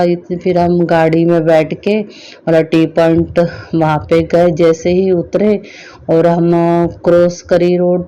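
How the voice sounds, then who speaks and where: A middle-aged woman recounts a devotional testimony in a slow, unhurried way, her voice soft and mellow. She tells it earnestly and haltingly, with a flat, level delivery. The audio is dull and lo-fi. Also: lowish voice.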